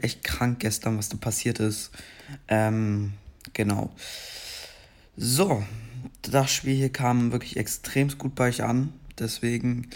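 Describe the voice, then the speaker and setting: Scratchy-voiced young man, slow gaming chatter. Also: mid-range voice, vocal fry, a little mellow. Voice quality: scratchy morning voice. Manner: frustrated outbursts between slow chatter. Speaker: gaming video creator. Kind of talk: casual gameplay commentary.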